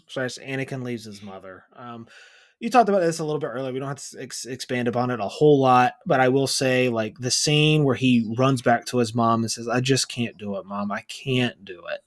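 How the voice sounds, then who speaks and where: A man's voice: mid-range voice, animated, moderate pace. Rambling man co-hosting a movie podcast. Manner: rambling, filler-heavy, playful. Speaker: podcast co-host. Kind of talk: casual movie chat.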